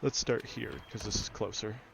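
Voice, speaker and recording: A man's voice: on the low side, moderate pace, vocal fry. A man giving casual let's-play commentary, explaining game mechanics and thinking aloud. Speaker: gameplay commentator. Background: game music.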